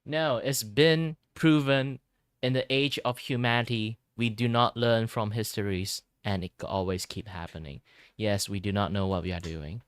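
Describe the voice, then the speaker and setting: A man hosting a casual livestream as a virtual streamer, chatting in a rambling, halting, self-deprecating way. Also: on the low side, fairly even intonation, fairly bright tone, smooth, no room sound, clean studio sound.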